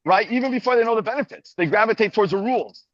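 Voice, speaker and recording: A man's voice: high voice, expressive, racing, fairly bright tone, dry recording, muffled recording. Man whose call audio keeps breaking up. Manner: insistent, interrupting. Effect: call audio breaking up, bluetooth cutting out. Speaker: audience member asking a question. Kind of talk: challenging question in an online Q&A. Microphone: video call.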